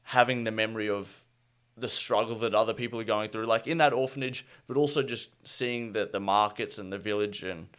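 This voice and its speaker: A man's voice: on the low side, steady tone, brisk, a bit bright, clear, resonant tone. Reflective man co-hosting a podcast. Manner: reflective, thoughtful. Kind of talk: casual podcast chat.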